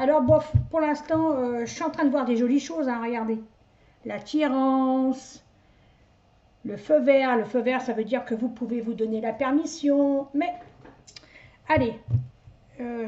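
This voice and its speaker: Une femme d'âge mûr, médium, qui bavarde et digresse avec autodérision en tirant les cartes chez elle. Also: female voice, fairly high pitch, mellow, slight background noise. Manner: chatty, rambling, self-mocking asides. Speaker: psychic medium doing a card reading. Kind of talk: casual chatty live reading. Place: at home, indoors. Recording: dull lo-fi home recording.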